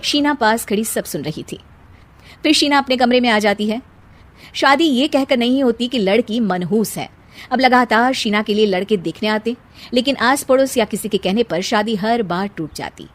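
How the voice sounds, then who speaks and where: A woman narrating a cartoon story in a dramatic, even storytelling manner. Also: on the high side, moderate pace.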